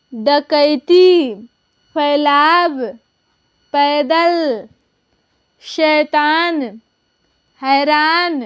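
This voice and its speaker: A woman teaching beginners to spell words, spelling them out slowly letter by letter. She asks the class questions, answers them herself, and keeps repeating the same filler phrases. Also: high-pitched, fairly bright tone, no room sound. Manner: repeats "तो देखिए" and "जो है ना" often. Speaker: English teacher.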